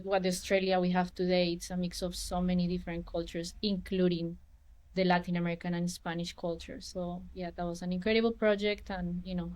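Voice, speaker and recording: A woman's voice: on the low side, darkish tone. A woman from Colombia, a podcast guest explaining things thoughtfully in casual chat. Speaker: guest, documentary filmmaker.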